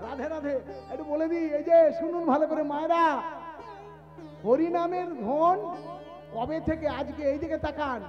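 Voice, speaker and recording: A man giving a devotional sermon at a live gathering, asking the crowd rhetorical questions and calling for quiet. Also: extremely high pitch, moderate pace, long pauses, lo-fi sound, music in the background. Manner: asks the crowd rhetorical questions and hushes them. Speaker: kirtan preacher.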